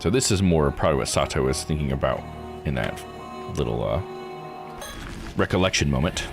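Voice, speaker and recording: This game streamer has a creaky bass voice, delivering briskly and with animation. Playing a visual novel with music underneath, he reads its text aloud and adds offhand remarks.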